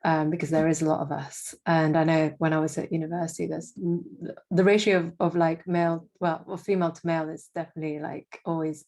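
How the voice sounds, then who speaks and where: Low, flat-voiced young woman guest. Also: fairly quick, few pauses. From Indonesia. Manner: hesitant, many fillers and restarts. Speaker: guest, freelance marketing manager. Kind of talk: casual interview.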